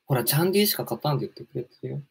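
A man hosting a livestream, chatting with a caller in an animated, teasing way. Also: medium pitch, very fast, creaky, husky. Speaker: livestream host. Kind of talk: casual livestream chat.

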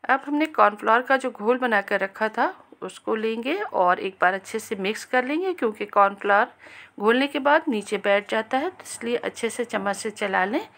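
A woman hosting a cooking channel, giving a calm, step-by-step recipe voice-over and speaking directly to viewers. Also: a little high, normal speed, creaky.

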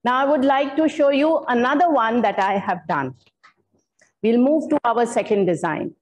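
A woman's voice: fairly high pitch, expressive, normal speed, darkish tone, poor audio. An older woman giving a floral art workshop demonstration, explaining her materials step by step with some fillers. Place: indoor studio room.

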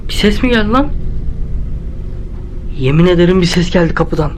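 A young man with a Turkish accent hosts a casual reaction vlog from his home, his voice sitting high for a man. He talks straight to his viewers and yelps excitably when something jumps out. A faint hiss of room ambience runs behind him. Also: moderate pace. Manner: excitable, jumpy, exclaiming at scares; addresses viewers directly. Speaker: YouTuber host. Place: at home, indoors. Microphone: camera set up in the room.

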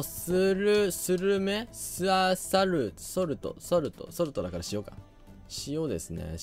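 A young man talks through a game in a chatty, thinking-aloud way, often stopping to hesitate. His pitch swings up and down a great deal. Faint music plays under his voice. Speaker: game commentator. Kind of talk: casual let's play commentary.

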